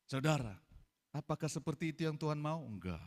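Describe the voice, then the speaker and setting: A man preaching a sermon as pastor, repeating refrains and rising suddenly to loud, fervent cries. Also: fairly high pitch, lively intonation, brisk.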